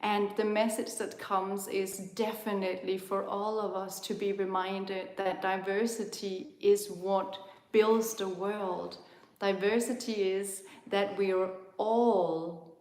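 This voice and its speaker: Danish-accented woman, unhurried spiritual livestream host, gentle and halting, echoey room. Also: medium pitch, little pitch movement. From Denmark. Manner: slow, gentle, searching, with many ums. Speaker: spiritual host of an online tour. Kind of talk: live-streamed spiritual talk.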